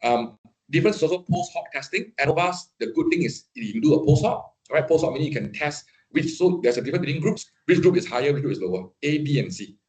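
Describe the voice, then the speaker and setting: A man's voice: fairly high pitch, lively intonation, fast talker, a little mellow. A middle-aged man gives a conversational university statistics lecture, often checking in with his students. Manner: conversational, keeps asking "right?" to check understanding.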